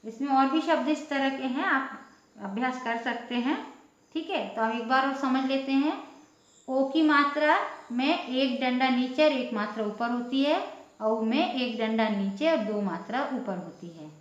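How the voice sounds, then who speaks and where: A woman with a somewhat high voice teaches at a very slow, patient pace, repeating each word and asking checking questions. The sound is dull and lo-fi, and it rings in a roomy, echoey space. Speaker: Hindi teacher. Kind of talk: slow explanatory lesson.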